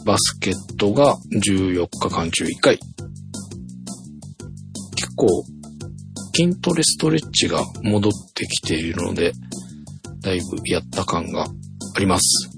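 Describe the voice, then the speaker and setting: Low-voiced man reporting his weigh-in. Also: measured pace, gravelly, long pauses, music in the background. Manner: reads out numbers with little drumroll cues, laughs at himself. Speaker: podcast co-host reporting his diet results. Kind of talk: casual chat.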